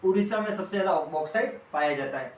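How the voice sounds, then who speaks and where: A man's voice: high-pitched, expressive, fast. A man teaching an online coaching class in a chatty way, calling students by pet names and quizzing them as he goes. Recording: echoey room with faint ambient noise.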